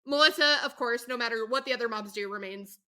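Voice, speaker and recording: A woman co-hosting a podcast, recapping a show in a chatty, animated way, full of asides and fillers. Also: on the high side, fast talker. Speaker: podcast co-host. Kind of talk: casual chat recapping a reality show.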